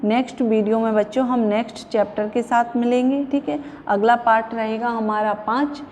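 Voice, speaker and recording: A woman's voice: on the high side, fairly even intonation, normal speed, darkish tone, big-room sound, a little hiss or hum. A woman teaching young children a grammar lesson, patiently asking the class questions and repeating each answer. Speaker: primary school teacher.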